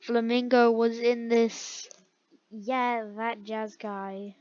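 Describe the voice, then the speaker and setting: A woman's voice: on the high side, little pitch movement, extremely slow, darkish tone. A woman casually reading comments aloud and reacting with laughter and disbelieving questions. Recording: dull lo-fi mic, faint background hiss.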